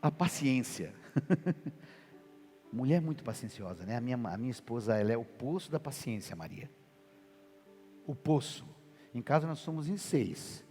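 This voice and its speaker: A man, preaching a sermon as pastor and acting out what husbands and wives say in lively voices. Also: mid-range voice, unhurried, pauses often. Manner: animated preaching, acts out quoted wife and husband voices. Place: church. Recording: reverberant church hall with music behind.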